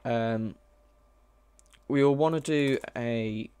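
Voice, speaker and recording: A man's voice: mid-range voice, slow pace, mellow, clear, resonant tone, dry recording. A man streaming live as he codes, chatting casually and thinking aloud, often hesitant and correcting himself. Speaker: mod developer streaming live. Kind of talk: casual live coding commentary.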